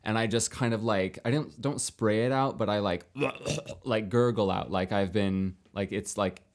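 A young man telling a long story in casual chat, rambling with many fillers and restarts, lively when he quotes others. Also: fairly low pitch, normal speed. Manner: animated when quoting others.

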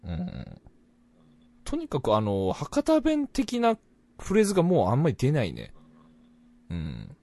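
A young man from Fukuoka with a Hakata accent, chatting casually as a podcast co-host, jumping between loud bursts and mumbled asides. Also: medium pitch, wildly swooping pitch, a little slow, creaky, pauses often, no echo. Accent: Hakata dialect. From Fukuoka, Japan. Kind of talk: casual chat.

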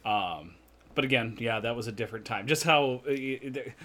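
A man's voice: medium pitch, a little fast, pushed and bright. Man, podcast host, casual chat, stammering restarts, easy laughs, mid-range voice. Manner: stammering restarts, frequent uh fillers, laughs easily.

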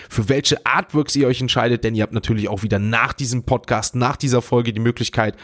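A man hosting a podcast interview who talks with enthusiasm in long, run-on sentences. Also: medium pitch. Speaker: podcast host.

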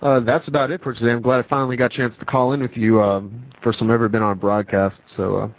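A man's voice: medium pitch, level tone, fast talker. A man from Virginia calling in over the phone, talking casually and rambling with lots of fillers. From United States (Virginia). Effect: voice heard over a phone line. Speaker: caller. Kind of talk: casual call-in chat. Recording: tinny phone line.

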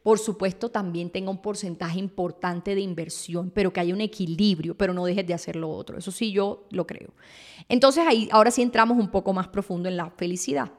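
A woman's voice: mid-range voice, a little fast. Girl podcasting, chatty and open, just talking to you, mid voice. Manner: animated, confessional, talks directly to listener. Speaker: podcast host. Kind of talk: casual monologue.

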